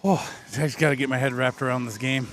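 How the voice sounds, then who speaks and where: A man chatting casually as a color commentator in a hockey broadcast, relaxed and giving short agreeing replies. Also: mid-range voice, quick pace, a little hiss or hum. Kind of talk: casual chat between plays.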